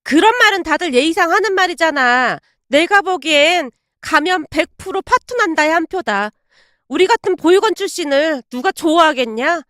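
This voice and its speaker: A woman's voice: high voice, animated, moderate pace, a bit bright, no room sound, studio quality. A woman voicing a sneering spiteful young woman. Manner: sneering, blunt. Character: spiteful young woman friend, mocking and harsh.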